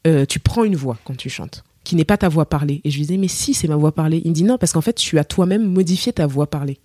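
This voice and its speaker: A young woman from Cameroon, a singer, chatting as a podcast guest and telling her story with lively acted-out quotes and many fillers. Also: sits low, fast talker, no echo, clean studio sound. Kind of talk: casual interview chat.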